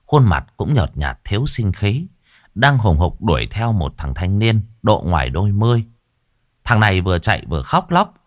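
A man telling a comic horror tale in a lively, colloquial way. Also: on the low side, moderate pace, dry recording, studio quality.

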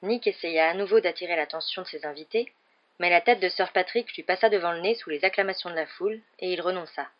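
A woman reading a novel aloud in a steady, calm narrating voice. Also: lowish voice, fast. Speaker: storybook reader. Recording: dull lo-fi recording.

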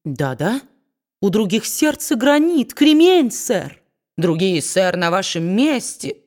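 A woman voicing a fawning, sycophantic male lawyer who flatters his master at every turn. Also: medium pitch, slow pace.

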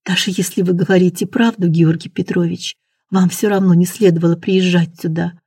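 Reader plays terrified young maid with child; raised, strained voice, dark mellow tone. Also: medium pitch, level tone, a little fast, breathy edge, dry recording, clean studio sound. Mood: anguished. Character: frightened young pregnant maid, defiant.

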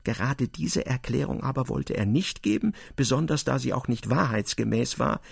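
A man giving expressive scripted narration in a literary radio drama. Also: mid-range voice, moderate pace, creaky, breathy edge, no room sound, clean studio sound.

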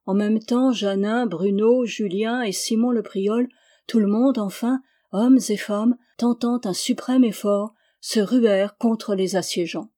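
A woman narrates a historical novel as an audiobook, in a steady and measured way. Her voice is mellow and warm, at a middling pitch. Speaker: audiobook reader.

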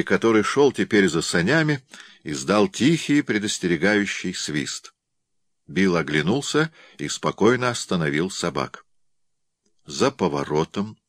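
A man narrating a classic novel as an audiobook in a measured, steady reading. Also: sits low, no room sound, studio quality. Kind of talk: scripted literary narration.

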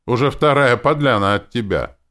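A man's voice: mid-range voice, normal speed, bright, forceful tone, voice pushed up, lightly acted. Man putting on a cheeky squabbling spirit. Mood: indignant. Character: cheeky indignant male spirit sidekick.

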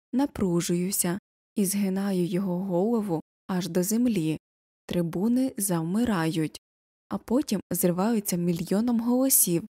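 A woman narrating a children's novel as an audiobook, expressive, lifting her voice for the quoted characters. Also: medium pitch, no room sound, clean studio sound.

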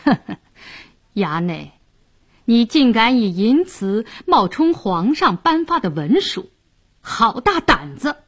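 A woman's voice: fairly high pitch, very animated, a bit bright, breathy edge, full character voice. A woman doing a stern upright magistrate. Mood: stern, mocking. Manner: measured, stern, commanding. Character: stern upright male magistrate, calm and dignified.

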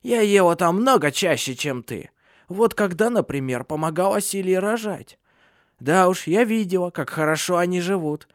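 A man's voice: high-pitched, lively intonation, moderate pace, dry recording, clean studio sound, voice pushed up. A man voicing an ancient bedridden witch, an old woman who talks sharply and scornfully in an audiobook. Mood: scolding. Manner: sharp, scolding, imperious. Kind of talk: audiobook character voice.

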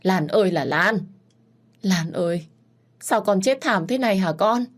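A woman's voice: mid-range voice, expressive, a little slow. A woman voicing a distraught mother who cries out for her lost daughter in a story. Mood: wailing. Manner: wailing, pleading.

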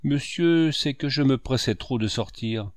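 A man's voice: mid-range voice, measured pace, no echo, studio quality, close to an everyday voice. A man voicing a frightened sixteen-year-old peddler boy, timid and pleading. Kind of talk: audiobook character reading.

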